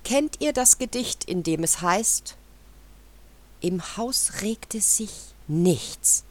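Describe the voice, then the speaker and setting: Woman doing a mouse, male, cocky, high and squeaky, lively, slow and drawn out.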